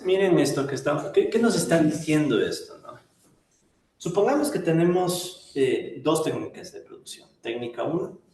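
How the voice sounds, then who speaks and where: A man's voice: a little high, a little mellow, roomy sound. A man lecturing a class, chatty and full of tag questions. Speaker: economics lecturer.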